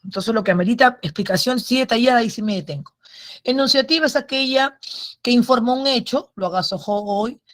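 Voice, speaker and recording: A woman's voice: fairly high pitch, fairly quick. A woman teacher giving an online grammar lesson, patient and explanatory, repeating key points and checking in with short tag questions.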